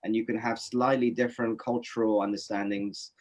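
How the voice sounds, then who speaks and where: A man's voice: lowish voice, little pitch movement, fairly quick, darkish tone. A man from Norway, a poet and interview guest, giving thoughtful, reflective answers with many fillers and restarts on a webinar call. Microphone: webinar video call.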